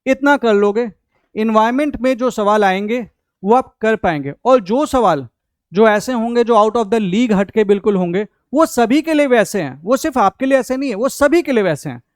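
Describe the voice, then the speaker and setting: High, clear-voiced man coaching exam prep. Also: lively intonation, moderate pace, no echo, studio quality. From India. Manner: Hindi-English code-switching, conversational and instructive. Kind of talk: study strategy explanation.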